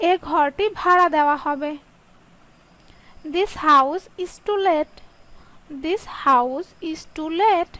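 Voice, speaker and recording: A woman teaching English sentences, reading a Bengali line quickly and then saying each English sentence slowly twice. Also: sits high, a bit bright, low-quality recording. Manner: slow, carefully spaced delivery, Bengali read quickly, English drawn out.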